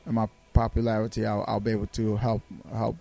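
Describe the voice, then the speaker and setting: A man's voice: on the low side, fairly quick, gravelly. A man from Brooklyn with a New York accent, chatting as a guest comedian on a podcast and restarting his sentences often. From Brooklyn, United States. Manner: animated, stumbling restarts. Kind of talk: casual podcast chat.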